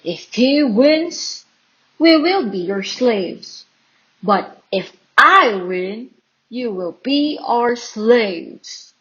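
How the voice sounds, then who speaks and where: A woman voicing a huge, menacing male giant soldier in a storybook, bellowing taunts slowly. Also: on the high side, animated, fairly bright tone, lo-fi sound, exaggerated voice. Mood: taunting, menacing.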